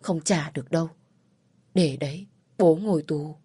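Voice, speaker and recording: A woman's voice: deep voice, normal speed, warm tone, breathy edge. A woman voicing a weary laboring father who speaks in a choked, insistent way, in a storybook reading.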